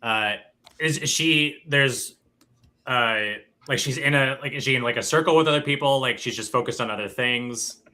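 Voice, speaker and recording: A man taking part in a tabletop game, checking rules and describing his character's moves a little hesitantly. His voice is very bright and forward. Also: mid-range voice, normal speed. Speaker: player. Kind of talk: tabletop role-play.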